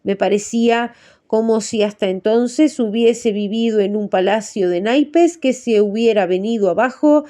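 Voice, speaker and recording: A woman narrating a classic novel in a measured, steady storytelling manner. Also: on the high side. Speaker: audiobook narrator. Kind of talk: audiobook reading.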